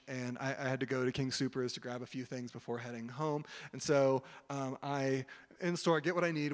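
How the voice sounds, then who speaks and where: A man delivers a sermon as a loose, chatty story. He fills his talk with "like" and "um". His fairly high voice rings out with a long reverb from the church hall. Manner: conversational, heavy use of "like" and "um". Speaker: pastor.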